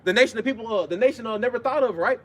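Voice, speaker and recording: Talking quickly in a high, slightly bright voice, this preacher delivers a loose sermon built around scripture readings. His language is blunt street talk peppered with swearing. He repeats his points emphatically and constantly checks in with the audience.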